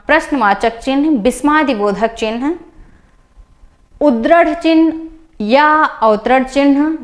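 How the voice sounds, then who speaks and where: Slightly high-voiced woman teaching grammar. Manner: explains by repeating and rephrasing, slows to stress examples; lists items one by one in a measured classroom tone. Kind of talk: spoken grammar lesson over slides.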